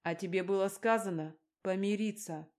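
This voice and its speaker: A woman voicing a crude, menacing bald male gangster who talks loudly and with contempt, in an audiobook reading. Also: medium pitch, moderate pace, lightly acted. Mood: bullying. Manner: loud, bullying and contemptuous. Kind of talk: audiobook character voice.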